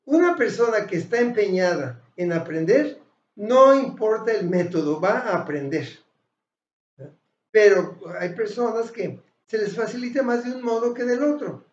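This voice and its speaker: A man teaching a language lesson, explaining slowly and deliberately, pausing and correcting himself mid-sentence. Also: high voice, lively intonation. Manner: slow, deliberate, with pauses and self-corrections. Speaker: English teacher. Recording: echoey, dull lo-fi room sound.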